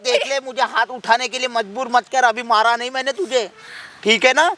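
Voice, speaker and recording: An actor playing a lecherous, bullying older uncle who talks in a leering, wheedling, threatening way, in an amateur short drama. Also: male voice, very high voice, steady tone, fairly quick, bright, forceful tone, a little hiss or hum. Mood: menacing.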